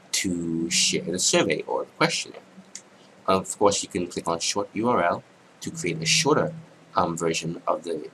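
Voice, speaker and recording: A man with a cold, hoarse and congested, talking through a screen-recorded software tutorial in a casual, halting way with many ums. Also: low voice, a little hiss or hum, rough recording. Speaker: tutorial narrator.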